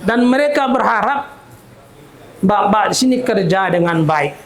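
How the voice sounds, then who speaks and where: A man preaching to a gathering, telling a story in a calm, measured way. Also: roomy sound. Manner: calm, measured, quotes voices in a lower tone. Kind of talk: sermon with storytelling.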